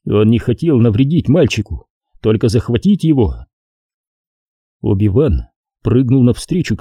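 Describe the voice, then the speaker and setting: A man reading a novel aloud with steady, expressive storytelling. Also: mid-range voice, breathy edge, dry recording, clean studio sound. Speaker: narrator. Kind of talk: audiobook narration.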